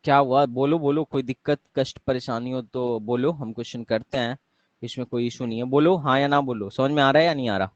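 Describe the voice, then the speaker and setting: A man's voice: medium pitch, fairly quick, highs cut off. A young man teaching math in a live online class, often quizzing his students and repeating his questions. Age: young adult.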